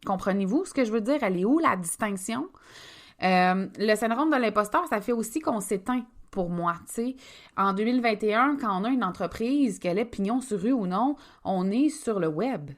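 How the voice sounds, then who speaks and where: Talking directly to her audience, this Québécois-accented woman runs a laid-back business podcast as its host and coach, sounding chatty and emphatic. She has an expressive, mid-range voice and keeps a moderate pace.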